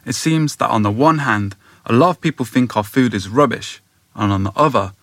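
A man from England narrates his podcast in a measured, explanatory way. His voice is bright and forward, and the recording is dry and close, with no room sound. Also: medium pitch, dry recording. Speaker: podcast host. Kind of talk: scripted narration.

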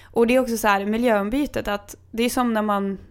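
A woman's voice: on the high side, steady tone, clean tone. A young woman co-hosting a podcast, chatting casually and rambling with many fillers. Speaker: podcast co-host. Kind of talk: casual chat.

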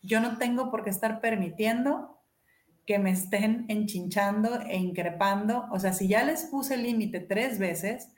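A woman hosting a radio talk show, explaining to listeners in a lively storytelling way. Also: medium pitch, a little slow. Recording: roomy echo.

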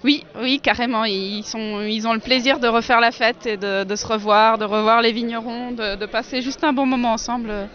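A woman answering brief questions at a wine festival, speaking softly and cheerfully with some fillers. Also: fairly high pitch, steady tone, normal speed, hardly any pauses. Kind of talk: festival interview. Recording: muffled lo-fi recording outdoors.

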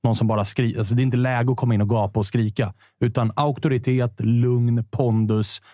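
A man talks football on a podcast in a measured way, building his points step by step. His voice is mellow and recorded close and dry. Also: medium pitch, steady tone, dry recording. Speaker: podcast panelist. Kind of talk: casual football chat.

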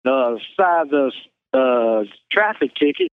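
A man's voice: medium pitch, animated, unhurried, clean tone, no echo, phone-quality sound. Man in his sixties on a prison payphone call. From Kansas City, Missouri. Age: 60s. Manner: plain-spoken, repeats words as he starts, says "man" often. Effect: prison payphone call line. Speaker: incarcerated interviewee. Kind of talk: casual phone interview.

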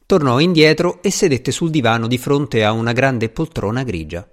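A man narrating a novel in a measured storytelling delivery. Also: mid-range voice, expressive. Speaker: audiobook narrator. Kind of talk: scripted narration.

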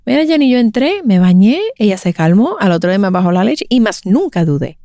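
A woman in her forties telling a personal story in a conversational interview, animated and acting out the voices of others. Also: mid-range voice, a little fast, no echo, clean studio sound. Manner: animated, acts out quoted voices. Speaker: guest speaker on breastfeeding.

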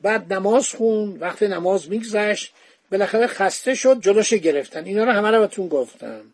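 A man's voice: high-pitched, expressive, no echo. A man hosting a history podcast, telling the story in a conversational, digressive way with frequent fillers.

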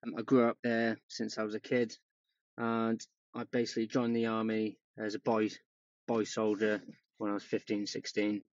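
A man's voice: fairly low pitch, monotone, moderate pace, dry recording, lo-fi sound. A man in his thirties from Wales, a performance coach talking casually as a podcast guest, with lots of ums and yeahs. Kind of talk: podcast interview.

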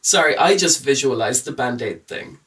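A woman's voice: extremely low pitch, expressive, normal speed, fairly bright tone. A woman co-hosting a casual chat, making dry, teasing wisecracks. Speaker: podcast co-host. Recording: distant from mic, faint noise.

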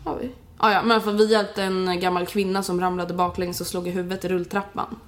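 A woman's voice: fairly low pitch, level tone. A woman co-hosting a podcast in casual chat, telling stories with enthusiasm and plenty of fillers. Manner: enthusiastic, storytelling, heavy filler use. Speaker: podcast co-host.

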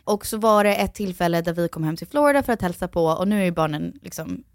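A young adult woman in casual chat, an animated storyteller who acts out what others said. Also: on the low side, no echo. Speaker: podcast co-host.

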